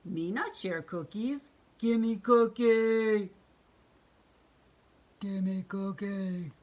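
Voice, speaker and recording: A woman voicing a greedy childlike cookie-loving monster, speaking slowly and drawn-out. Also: medium pitch, darkish tone. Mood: demanding. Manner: slow, drawn-out, pleading.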